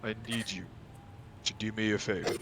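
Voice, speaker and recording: A man playing his character at a tabletop game, with dry, deadpan remarks. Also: lowish voice, moderate pace, background noise. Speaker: player.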